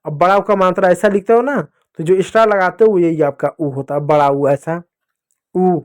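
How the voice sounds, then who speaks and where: High-pitched young male teacher, friendly and playful, slow repeated sounds for small kids. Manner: friendly, explains with playful examples and repetition. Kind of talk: children's Hindi lesson.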